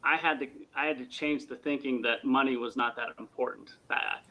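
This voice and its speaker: A man talking as a guest in a casual interview, earnest and animated, with sports analogies. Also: mid-range voice, fairly quick, lo-fi sound.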